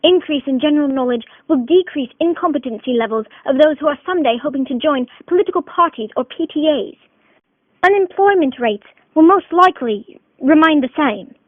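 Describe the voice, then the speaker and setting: A woman's voice: high voice, expressive, a little fast, dry recording. A woman narrating a student mock documentary in a dramatic announcer tone. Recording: dry, tinny phone-like voice-over.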